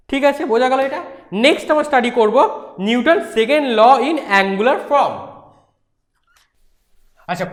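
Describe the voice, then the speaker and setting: A woman teaching physics who works through derivations step by step, asking questions aloud and checking with her students. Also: a little high. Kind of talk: whiteboard lecture. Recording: echoey room.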